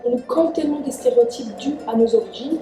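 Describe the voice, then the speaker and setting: A woman's voice: sits high, animated, fast talker, mellow. A young woman born in Iran, giving chatty, earnest relationship advice in a casual vlog. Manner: earnest, chatty, frequent "en fait". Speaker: vlogger. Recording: echoey room, distant mic, faint music.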